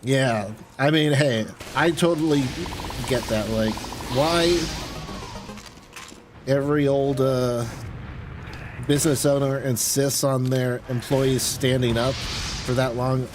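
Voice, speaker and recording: Rambling through casual chat while gaming on a livestream, this American streamer speaks slowly with long pauses. His medium-pitched voice has fairly even intonation, and there's background noise.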